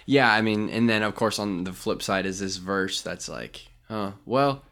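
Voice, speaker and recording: Young male co-host, lowish voice, easygoing faith-podcast chatter. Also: normal speed. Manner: relaxed, conversational, reads scripture aloud. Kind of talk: casual faith podcast chat.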